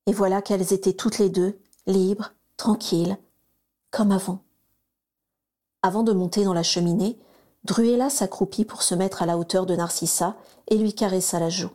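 A woman narrating a children's story aloud in a smooth, even storytelling manner. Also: mid-range voice, moderate pace. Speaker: reader.

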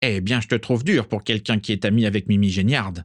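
A man's voice: fairly low pitch, fairly quick, no room sound, clean studio sound, close to an everyday voice. A man voicing a malicious teenage schoolboy bully who taunts with a sneer in an audiobook reading. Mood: taunting. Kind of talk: audiobook character voice.

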